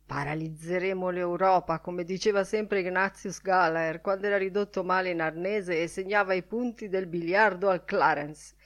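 A woman reading a literary novel aloud as an audiobook narrator, with deliberate phrasing. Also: on the low side, steady tone.

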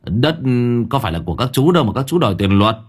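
Cocky gang boss with mocking laughs, a man reading the part, husky voice. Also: mid-range voice, lively intonation, quick pace. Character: tough middle-aged male gang boss, cocky.

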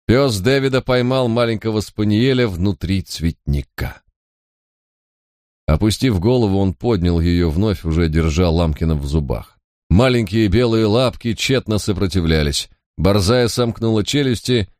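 Deep-voiced male audiobook narrator. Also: a little mellow, no room sound, studio quality. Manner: measured, dramatic storytelling.

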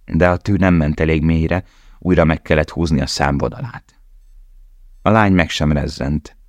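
A man reading a novel aloud in a calm, measured way. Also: a bass voice, no echo. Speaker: audiobook narrator. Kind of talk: scripted narration.

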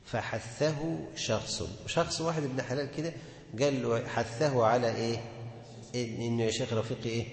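Egyptian male teacher, mid pitch, quizzes the class, booming hall reverb. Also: steady tone, fast. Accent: Egyptian Arabic. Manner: asks the class questions and answers them himself. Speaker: Quran recitation teacher. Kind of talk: classroom lesson on tajweed. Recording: echoey hall with long reverb.

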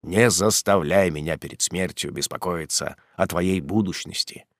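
A man voicing a bitter, vengeful old father in an audiobook, speaking gravely and low. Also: moderate pace, no room sound, clean studio sound. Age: older. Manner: grave, brooding, bursts into fury.

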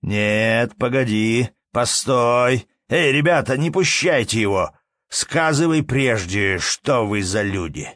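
A man's voice: fairly low pitch, takes it slowly. A man doing a stern tavern keeper. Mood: commanding.

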